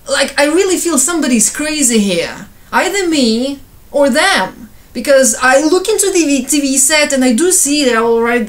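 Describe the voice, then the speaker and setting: A Ukrainian mother and housewife whose first language is Russian gives a casual monologue to camera at home at night. Her fairly high voice is earnest and persuasive, and she keeps repeating "okay?" and "believe me."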